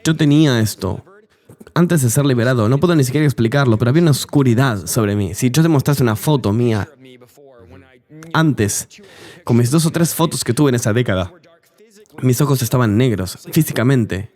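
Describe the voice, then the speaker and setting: A man's voice: medium pitch, expressive, normal speed, darkish tone. A man telling his testimony earnestly as an interview guest, in a dubbed voice-over of an interview.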